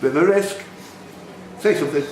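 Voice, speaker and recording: A man hosts a live pub quiz in a pub function room indoors, reading out questions and scores with bantering, self-deprecating, hesitant asides. His voice is fairly high and a little fast, and the recording has roomy pub sound with background noise.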